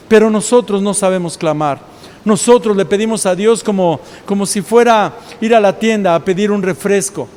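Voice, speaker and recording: Mexican pastor, high male voice, storytelling sermon in a reverberant church hall. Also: darkish tone. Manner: storytelling preacher, acts out quoted voices.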